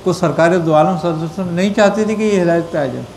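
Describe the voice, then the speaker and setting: His voice sits high with a darkish tone as this Pakistani man gives religious teaching and responds to questions. He repeatedly asks whether listeners followed his point, and slight background noise is present.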